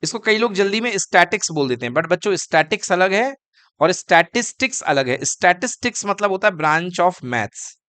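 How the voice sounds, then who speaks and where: A man lecturing a class, and he keeps asking questions and then answering them. His voice is smooth and resonant, recorded close and dry. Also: high voice, big pitch swings, normal speed, sharp tone, no echo. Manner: asks students questions and answers them himself; calls students kids and beta. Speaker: teacher.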